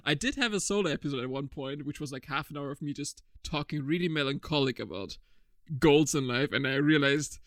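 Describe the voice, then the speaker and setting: A man's voice: a little high, a little fast, a bit bright, no echo, clean studio sound. A man in his twenties hosting a casual podcast chat, rambling and laughing often. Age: 20s. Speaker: podcast host.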